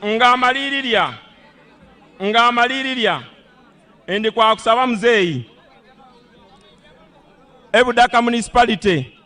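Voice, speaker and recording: High-voiced Ugandan man addressing a rally. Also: bright, forceful tone. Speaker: local political leader addressing the president. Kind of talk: formal public address at a political rally. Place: public rally, speaking through a microphone.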